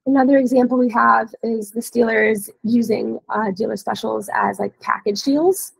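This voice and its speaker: A thirty-something woman on dealer support staff runs a casual, explanatory software training webinar from an indoor room via video call. A cold has left her voice hoarse, scratchy and strongly creaky, though her pitch stays even and her pace moderate. Her headset gives a close, dry sound.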